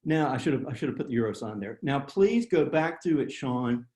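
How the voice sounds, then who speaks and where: A man's voice: mid-range voice, animated, brisk, a little mellow, reverberant. A man giving a writing workshop on a video call, plain-spoken and self-deprecating, with frequent fillers and restarts. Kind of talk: webinar presentation.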